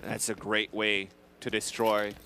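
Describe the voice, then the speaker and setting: A man from France with a French accent, a native French speaker, calling a live video game match and building excitement on key plays. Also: on the low side, a little slow, slight background noise. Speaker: esports play-by-play commentator.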